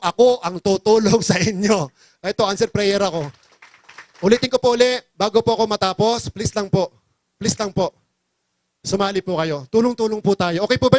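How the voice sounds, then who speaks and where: A man's voice: very high-pitched, fairly bright tone, no room sound. A middle-aged man from the Philippines giving an emotional, pleading testimony speech at a business forum and rousing the crowd.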